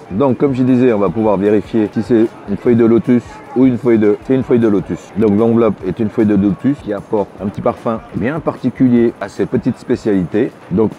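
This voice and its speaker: A middle-aged man hosting a food vlog, giving measured, descriptive tasting remarks in a casual way. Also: on the low side, highs cut off. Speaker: food vlogger host. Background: background music.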